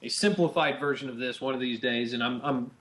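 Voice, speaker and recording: A man's voice: mid-range voice, fairly even intonation, brisk, fairly bright tone. A man co-hosting a casual beer-tasting chat, rambling and easygoing with lots of filler. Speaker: podcast co-host.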